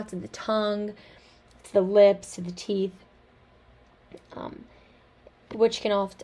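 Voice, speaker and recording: A woman's voice: medium pitch, vocal fry, a little mellow. A young woman giving a class presentation, talking casually with frequent ums and likes. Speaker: student presenter.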